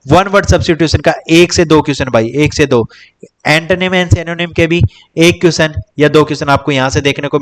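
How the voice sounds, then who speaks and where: A young man coaches students for a teaching exam in an easygoing Hindi-English lecture. His voice is a touch high for a man; he repeats himself, counts off topics one by one, and addresses viewers as "bhai".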